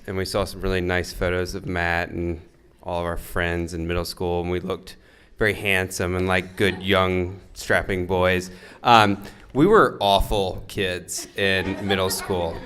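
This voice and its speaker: A man's voice: low voice, a little hiss or hum. A young man, the groom's brother, telling a funny story in a wedding toast and laughing along as he goes. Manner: animated storyteller who laughs through his lines.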